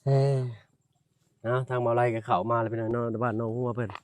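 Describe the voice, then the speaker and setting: A man's voice: mid-range voice, completely flat delivery, quick pace, slight background noise. Chatty Isan man vlogging outdoors. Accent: northeastern Thai (Isan). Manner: chatty, addresses viewers as brothers and sisters, often apologizes. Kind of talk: casual vlog narration while walking. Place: outdoors in a village. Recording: dry sound, voice at a distance from the mic.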